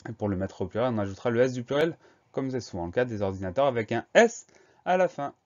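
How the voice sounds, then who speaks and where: A man's voice: mid-range voice, lively intonation, fast, a little mellow. A man teaching a spelling lesson, patiently spelling out words letter by letter before giving a dictation. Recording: dull lo-fi recording.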